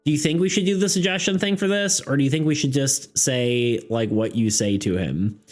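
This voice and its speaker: A man's voice: mid-range voice, fairly quick. A man running a tabletop game on a live stream, rambling casually, laughing often and asking his chat for ideas. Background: faint background music.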